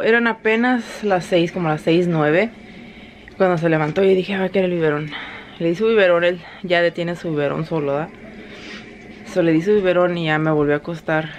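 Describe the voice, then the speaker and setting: A woman's voice: on the low side, a little hiss or hum. A young woman from Mexico, chatting casually in a home vlog, mixing Spanish and English and laughing often. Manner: switches between Spanish and English mid-sentence. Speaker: vlogger.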